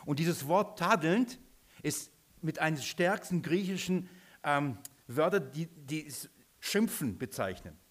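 A man's voice: a little high, animated, a little slow. A man preaching a sermon, emphatic, repeating his points and asking the listeners questions.

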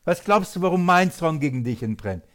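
A man teaching an informal Bible study, lively and chatty, laughing often and talking straight to his listeners. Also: on the high side, brisk. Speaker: preacher.

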